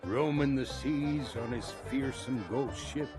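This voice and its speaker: A man's voice: medium pitch, measured pace, lightly acted. A man voicing a weathered, chatty pirate lounging in a tavern in a video game, telling tales in a drawling storyteller's manner. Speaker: non-player character. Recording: game audio with music bed. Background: game music.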